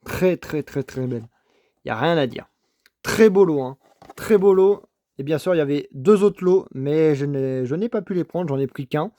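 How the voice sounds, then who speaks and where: A man with a slightly high voice presents his toy car finds at his desk, praising each one over and over. He stammers, restarts and apologizes for it as he goes. The sound is dry and close, with no room echo. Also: animated, normal speed, mellow. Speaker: toy car collector vlogger. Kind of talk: casual unboxing commentary. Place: home desk setup.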